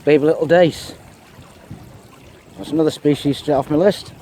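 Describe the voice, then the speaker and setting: An Englishman chats his way through a fishing trip, counting off each catch in a relaxed, mellow voice. He talks to a camera out in the open air by a flowing river, with a faint hiss of wind and water behind him. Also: a little high, moderate pace. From England. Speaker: angler vlogger. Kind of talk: casual running commentary while fishing. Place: outdoors on a windy riverbank, wading.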